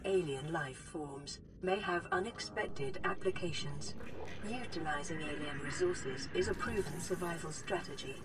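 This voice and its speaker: A gentle care-robot assistant reporting vital signs and scans in a soft, even, synthetic tone. Her voice sits a little low for a woman. Loud game music plays behind her. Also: measured pace. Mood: calm. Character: calm female computer assistant.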